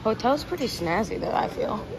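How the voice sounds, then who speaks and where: A woman's voice: fairly high pitch, sing-song, moderate pace, over loud music. A young woman vlogging her trip in casual narration, chatty and often giggling, filmed on a handheld phone. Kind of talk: casual travel vlog narration. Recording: noisy travel background, vehicles.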